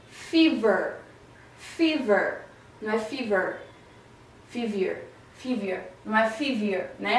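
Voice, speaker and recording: A woman teaching English vowel sounds, repeating each word slowly to drill the pronunciation. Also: a little high. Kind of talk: slow classroom-style vowel lesson. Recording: roomy echo, voice a bit far from the mic.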